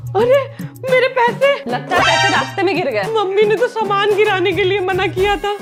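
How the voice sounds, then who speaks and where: A woman's voice: very high voice, moderate pace. A woman voicing a pleading, careless little girl in a comedy sketch, in a whiny voice. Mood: chatty. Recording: music playing under the voice. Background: background music.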